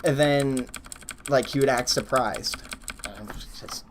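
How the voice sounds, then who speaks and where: A man's voice: medium pitch, takes it slowly, background noise. A man streaming live, chatting casually and telling a long story with many fillers and restarts while he types. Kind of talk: casual chat while building a coaster in a game.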